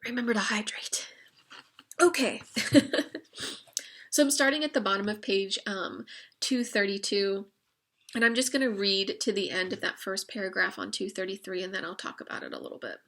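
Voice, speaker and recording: Slightly hoarse woman giving a chatty book talk. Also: mid-range voice, brisk, sharp tone. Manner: chatty, frequent fillers, wry asides. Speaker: book discussion leader. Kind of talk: informal literature lecture.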